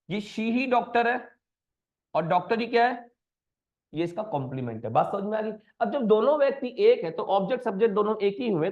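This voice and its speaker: एक पुरुष शिक्षक ऑनलाइन व्याकरण कक्षा पढ़ा रहे हैं, बीच बीच में अंग्रेज़ी शब्द बोलते हुए और छात्रों से बार बार सवाल पूछते हुए।. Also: male voice, high voice. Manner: coaxing students with repeated questions; mixes Hindi with English terms. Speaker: grammar teacher. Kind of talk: live online grammar lesson. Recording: dull lo-fi sound.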